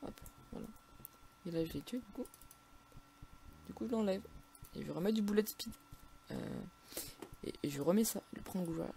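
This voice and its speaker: A woman's voice: medium pitch, animated, moderate pace, gravelly, long pauses, warm tone, slight background noise. A woman with a French accent casually commentating her own video game play, full of frustrated outbursts and stumbling restarts.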